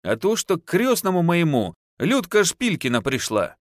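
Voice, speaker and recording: Shrewish peasant wife for a storybook, played by a man, raised high, wailing and scolding with a dry close sound. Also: very animated, moderate pace, no room sound. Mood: complaining.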